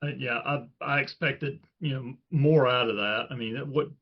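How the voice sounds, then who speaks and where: A man's voice: medium pitch, moderate pace. A man co-hosting a sports podcast in casual chat, reflective and recalling old games in detail. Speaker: podcast co-host. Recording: dull lo-fi podcast audio.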